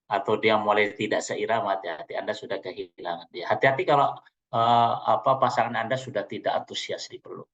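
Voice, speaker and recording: A man's voice: on the low side, fairly bright tone. A man giving a playful seminar talk, teasing the audience and speaking to them directly, recorded on a dull lo-fi track. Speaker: seminar trainer. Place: seminar room.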